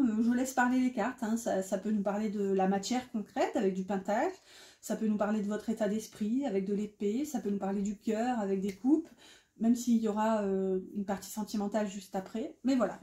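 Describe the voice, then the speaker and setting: A woman reads tarot cards in a casual, chatty way, full of fillers and self-mocking asides. Her voice sits a little high and sounds soft and mellow. The room around her is echoey. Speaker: tarot reader.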